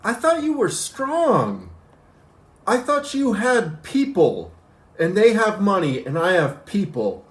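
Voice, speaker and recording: A man's voice: high voice, slow pace. A man in an argumentative rant to camera, out of breath from working out as he talks. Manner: animated, argumentative, working out while talking. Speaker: vlogger. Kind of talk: ranting commentary to camera. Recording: echoey room.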